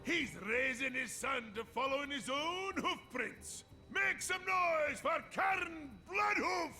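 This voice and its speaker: Shouting, very high-pitched arena announcer. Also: male voice, full character voice. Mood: showy excitement. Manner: shouting, showy, drawn-out introductions. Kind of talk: game character voice acting. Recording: loud game music behind.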